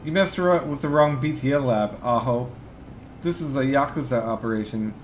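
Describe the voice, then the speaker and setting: A man reading the video game lines of a calm, threatening Yakuza hacker. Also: mid-range voice, brisk, a little hiss or hum, lightly acted. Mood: calm menace.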